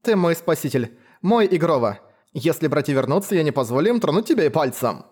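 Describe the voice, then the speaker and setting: Young woman hunter, voiced by a man: bold, coaxing, pitched up. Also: big pitch swings, brisk, darkish tone. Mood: pleading.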